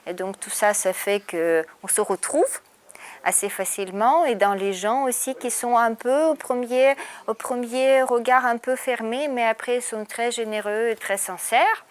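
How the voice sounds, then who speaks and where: A woman's voice: a little high, unhurried. Hesitant woman speaking French, raised in Russia. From Ukraine and Russia. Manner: hesitant, many fillers and restarts. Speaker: interviewee. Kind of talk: casual interview.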